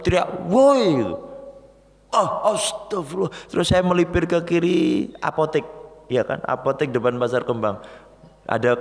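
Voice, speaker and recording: Javanese guy preaching in a mosque, gravelly voice, long echo, animated storyteller. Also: mid-range voice. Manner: lively storyteller who acts out voices, mixes in Javanese phrases. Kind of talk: storytelling sermon. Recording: echoey mosque hall.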